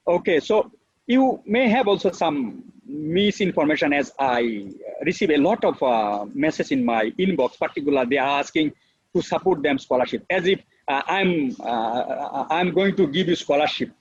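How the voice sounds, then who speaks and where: Speaking at a moderate pace, this man has a fairly high, slightly rough voice with lively intonation, recorded dry. He's a middle-aged professor from Bangladesh whose first language is Bengali, delivering an earnest webinar talk off the cuff, in a Bangladeshi accent, repeating himself and using frequent fillers. It comes over a video call as dull, lo-fi online audio.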